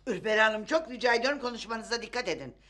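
An actress playing an idealist schoolteacher in a sitcom, firm and proper. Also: female voice, a little high, animated, quick pace, a bit bright. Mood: indignant. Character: idealist schoolteacher, a young woman. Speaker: teacher. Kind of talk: sitcom acting.

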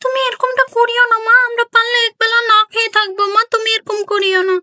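A woman's voice: extremely high pitch, steady tone, fast, pushed and bright, voice pushed up, heavily acted. A woman doing Moyna, a pleading little girl. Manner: pleading, repeating "মা" often. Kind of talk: doll storytelling voice.

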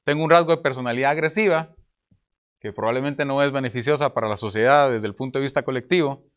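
In a conference room with projector slides, a young Guatemalan man talks quickly at a medium pitch into a table microphone. He's presenting to an academic panel, explaining things and asking rhetorical questions, all in a Guatemalan Spanish accent.

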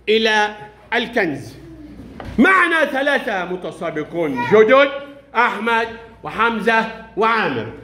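A man's voice: high-pitched, pushed and bright, a little hiss or hum. A man with an Egyptian accent teaching young pupils in a classroom, encouraging them and praising their answers often. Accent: Egyptian Arabic. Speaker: primary school teacher.

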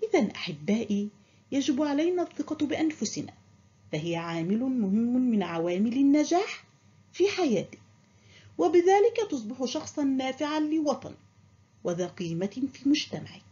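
A woman's voice: high-pitched, sing-song, moderate pace, dark tone, lo-fi sound. A woman teaching a primary school grammar lesson, asking pupils questions and praising their imagined answers. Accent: Qatari. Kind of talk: recorded classroom lesson.

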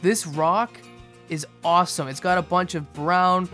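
Monotone young man, slightly high voice. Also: unhurried. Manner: monotone, restrained delivery. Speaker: fishkeeping video host. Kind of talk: casual aquarium update voice-over. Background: music behind the voice.

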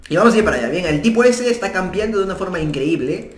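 A young man giving casual gameplay commentary from his new apartment, chatty and prone to sudden excited outbursts. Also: high-pitched, racing. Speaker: gaming YouTuber. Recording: echoey room, faint background music.

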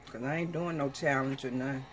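A woman's voice: very deep voice, steady tone, brisk. A middle-aged woman chatting casually to the camera during a mukbang, talking between bites as she eats. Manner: mukbang eating, talking between bites with mouth often full. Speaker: mukbang vlogger. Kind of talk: casual chat to camera while eating. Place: small wood-panelled room indoors at home.

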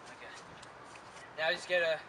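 A man directing an amateur outdoor film shoot, giving bossy, quick instructions. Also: fairly high pitch. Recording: loud outdoor noise.

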